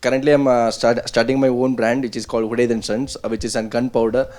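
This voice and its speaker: Fast-talking South Indian Kannadiga man. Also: mid-range voice, flat delivery, a little mellow. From Bangalore, South India. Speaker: small business founder. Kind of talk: casual self-introduction and pitch.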